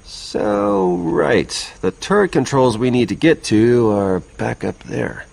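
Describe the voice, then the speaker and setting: A slow, deeply creaky male voice. He sounds gruff, tough and husky. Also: lively intonation, a little mellow, heavily acted. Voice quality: gravelly, husky. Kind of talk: video game voice acting.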